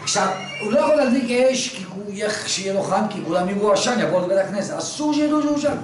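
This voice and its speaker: Animated male religious teacher telling stories in class; distant mic, noisy background. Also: sits high, heavy reverb. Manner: animated storyteller, swings from hushed to loud. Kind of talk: storytelling lesson to a class.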